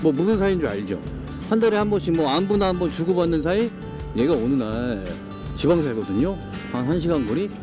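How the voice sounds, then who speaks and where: A man's voice: on the high side, very animated, a little fast, music in the background. A middle-aged man giving casual, blunt, grumbling vlog commentary in slangy banter, his articulation slightly slurred by loose dentures. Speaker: vlog host.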